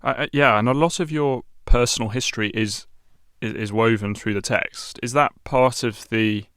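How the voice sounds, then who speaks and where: A man hosting a podcast interview, measured and formal in his questions. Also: fairly low pitch, fairly bright tone, no room sound, clean studio sound. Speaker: podcast host. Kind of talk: scripted intro then interview questions.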